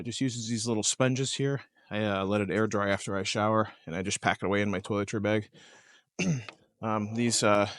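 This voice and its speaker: Relaxed low-voiced man vlogging outdoors. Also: no echo. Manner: relaxed, rambling, frequent "uh" hesitations. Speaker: camping vlogger. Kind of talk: casual outdoor vlog. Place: outdoors at a lakeside campsite.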